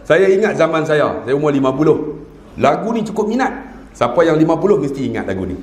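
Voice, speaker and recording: A man with a northern Malaysian Malay accent and a high-pitched voice delivers a jokey religious talk. He teases his listeners with questions and slips into imitations of other dialects. The sound rings in a reverberant hall. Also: very animated, fast, darkish tone, slight background noise. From northern Peninsular Malaysia. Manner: jokey, quizzes the audience, mimics regional dialects. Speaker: religious lecturer. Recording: echoey hall.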